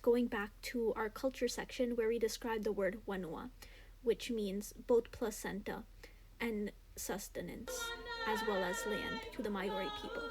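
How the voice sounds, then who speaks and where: A young American student woman narrating a school presentation in a measured, read-aloud way. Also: on the high side, a little mellow, poor audio. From United States. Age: young adult. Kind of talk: scripted narration.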